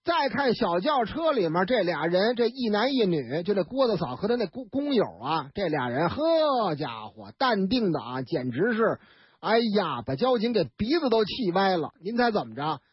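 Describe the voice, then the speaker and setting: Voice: mid-range voice, very animated, normal speed, husky, no room sound. A radio storyteller with a Beijing accent, telling a tale in chatty colloquial style with sound effects and asides. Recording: dull, dry radio studio recording.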